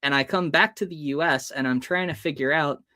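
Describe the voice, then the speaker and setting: Fairly quick and fairly high in pitch, this man's voice has a sharp tone. He's an American podcast guest in his early thirties, animatedly telling personal stories and acting out dialogue expressively as he goes.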